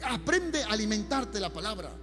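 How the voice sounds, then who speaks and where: A man's voice: high-pitched, sing-song, a little fast, music in the background. A man preaching a sermon as pastor, calling listeners brother and building emphasis.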